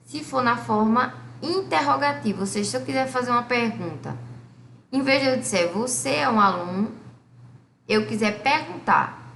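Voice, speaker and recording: Bright, gravelly Brazilian woman teaching. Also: medium pitch, a little hiss or hum. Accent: Brazilian Portuguese. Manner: patient, asks rhetorical questions and answers them; reads English examples slowly. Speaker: English teacher. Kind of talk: explaining a school lesson. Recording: echoey room.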